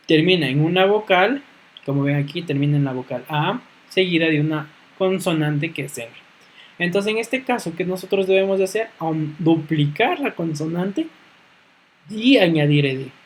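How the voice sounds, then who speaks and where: Teacher tagging every phrase with "ok?". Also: male voice, fairly high pitch, poor audio. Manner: checks in with a questioning "ok?" after nearly every phrase; repeats words slowly to show stress. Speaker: English teacher. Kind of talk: explaining grammar rules in a lesson.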